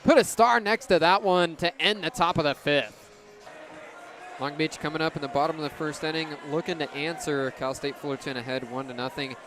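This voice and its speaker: Over the roar of an outdoor ballpark crowd, a twenty-something man gives live baseball commentary on the radio in terse, descriptive phrases. His voice is on the high side, brisk and fairly bright, with soft music playing faintly in the background.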